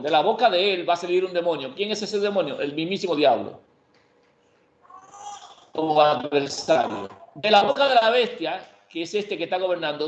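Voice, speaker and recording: A man's voice: high-pitched, slight background noise. Emphatic preacher man in an echoey room. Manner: emphatic, asks and answers his own questions. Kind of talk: Bible prophecy teaching. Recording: echoey room, dull lo-fi sound.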